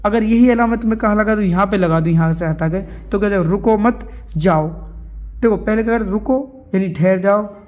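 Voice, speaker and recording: A man's voice: high voice, fast talker, hardly any pauses, darkish tone, dull audio. A man teaching a grammar lesson for an exam, asking questions and answering them himself while writing on a board. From India.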